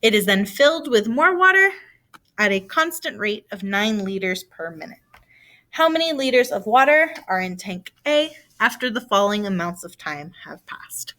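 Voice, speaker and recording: A woman with a bright, clear voice talks through a math word problem in a recorded video lesson. She is patient and steady, posing questions aloud and then answering them herself. Her pitch sits in a middle range for a woman. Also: moderate pace. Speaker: math teacher.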